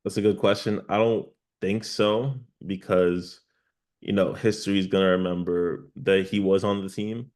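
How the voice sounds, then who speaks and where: A man from New York with a low voice and very level intonation, speaking as a guest sports analyst. He lays out his reasoning in emphatic, list-like points. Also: level tone, moderate pace, a little mellow. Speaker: sports journalist, interview guest. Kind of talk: basketball analysis in an interview.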